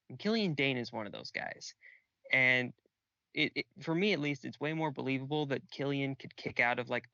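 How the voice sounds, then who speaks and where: A man's voice: medium pitch, sharp tone, no room sound, highs cut off. A man co-hosting a podcast, chatting casually and rambling with lots of fillers. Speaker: podcast co-host. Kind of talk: casual chat about wrestling.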